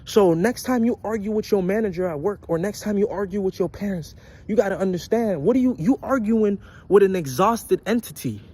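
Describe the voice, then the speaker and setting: A young vlogger with a high, husky, warm voice rants casually to his viewers, urging them on at a slightly quick clip. He's blunt and profane, pounding the same points again and again like a street preacher.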